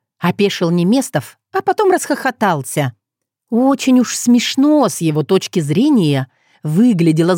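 A woman reading a story aloud as narrator in an expressive storytelling manner. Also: on the low side, no echo, clean studio sound. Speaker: audiobook narrator. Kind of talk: scripted narration.

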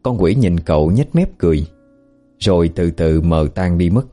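A man narrating a horror story in a slow, grave storytelling manner. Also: deep voice, animated, warm tone. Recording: faint background music.

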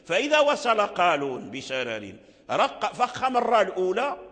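Male recitation teacher, high lively voice, patient repetition, long hall reverb. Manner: explains slowly with repetition, drawing out example words. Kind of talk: lecture on Quranic recitation rules.

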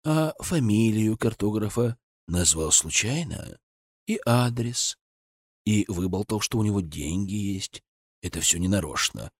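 A stern male colonel of the secret police, growling his interrogation slowly and heavily, as a man reads him. He barks and threatens in a low voice that swings widely. The audiobook sound is dry and close. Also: animated, slightly rough, no room sound. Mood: menacing. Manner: barking, slow and menacing.

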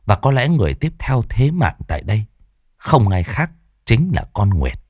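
A man narrating a ghost story in a dramatic, expressive storytelling manner. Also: lowish voice, moderate pace, dry recording, studio quality.

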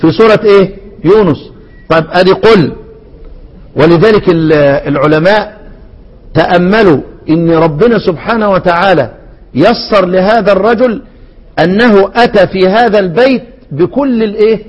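High-voiced Egyptian sheikh teaching in a reverberant hall. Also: male voice, moderate pace, muffled recording. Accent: Egyptian Arabic. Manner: asks the class questions and answers them himself, with frequent restarts; chants quoted verse words at a raised pitch. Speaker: Quran recitation teacher. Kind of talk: explanatory lesson on recitation rules. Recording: long reverb.

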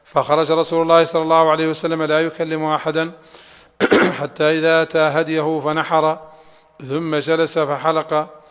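Guy reading old text out loud, super monotone, big echoey hall. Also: fairly high pitch, normal speed, clear, resonant tone. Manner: flat, steady recitation. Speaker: student reading a text aloud. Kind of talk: reading a classical text aloud. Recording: long hall reverb.

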